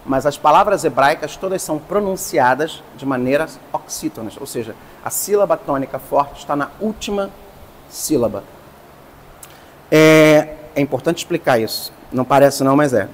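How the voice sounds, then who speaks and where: A man, a priest, teaching a class, explaining slowly and stressing each term. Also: on the high side, in a large hall, slight background noise. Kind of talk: lecture.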